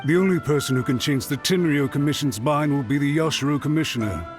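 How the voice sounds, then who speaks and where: In a studio game recording, an actor plays an anxious, apologetic male official who speaks deferentially and begs for a second chance. His slightly high, fast voice sounds close to everyday speech, pleading in mood, with music behind him.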